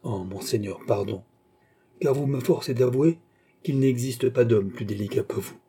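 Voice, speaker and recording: A man voicing a proud, guarded countess who answers a cardinal with sharp, coy replies in an audiobook. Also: medium pitch, normal speed, husky. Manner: haughty, sharp-tongued, coy.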